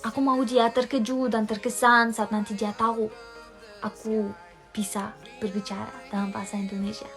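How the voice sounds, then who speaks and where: A woman's voice: a little high, level tone, normal speed, fairly bright tone, soft background music. A woman from Europe telling a personal story as a foreigner in fluent, carefully phrased Indonesian.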